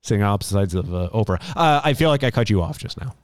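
A man's voice: lowish voice, animated, very fast, smooth, no room sound, studio quality. A man hosting a podcast in casual chat, rambling and chatty, often restarting his sentences. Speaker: podcast host.

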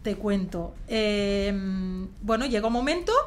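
A woman guest in a podcast interview, telling a personal story in a lively, emotional and rambling way. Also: mid-range voice, slow pace, a little hiss or hum.

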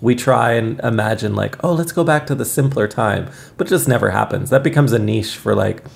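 A man's voice: lowish voice, brisk, creaky. A man co-hosting a podcast in casual chat, rambling with plenty of fillers and frequent laughs. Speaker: podcast co-host.

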